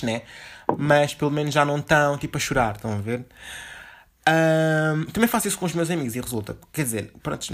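Young male podcast host, European Portuguese accent, rambling slangy chatter, a bit high-voiced, quick. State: dizzy and low on energy after waking up. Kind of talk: casual solo podcast monologue.

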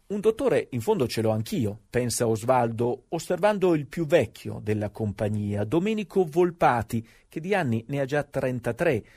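Husky man telling football stories. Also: medium pitch, darkish tone. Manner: conversational storyteller with rhetorical asides. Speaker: narrator. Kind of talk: scripted sports history storytelling.

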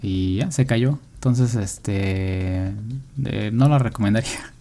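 A man's voice: on the low side, takes it slowly, mellow, a little hiss or hum. A man with a Mexican accent hosting a casual podcast chat in an informal, offhand way. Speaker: podcast host.

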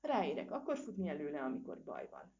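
In a dull lo-fi recording, a woman with a deep, mellow voice and big pitch swings plays a bold, clever little male squirrel in a storybook reading. She makes him daring and cheeky, firing off quick exclamations.

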